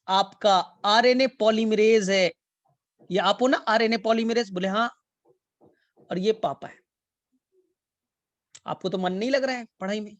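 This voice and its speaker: A male teacher gives a biology lecture in a playful, storytelling manner. He acts out a father and a child who is scared of school, keeps repeating key phrases, and slips in English terms. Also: high-pitched. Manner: mixes English terms into Hindi. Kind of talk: classroom lecture with analogies.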